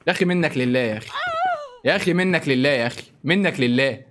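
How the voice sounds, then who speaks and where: A young man with an Egyptian Arabic accent gives live commentary on a mobile shooter game. He sounds excitable and panicky and keeps pleading with his teammates for help. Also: mid-range voice, fast talker, noisy background. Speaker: gaming streamer.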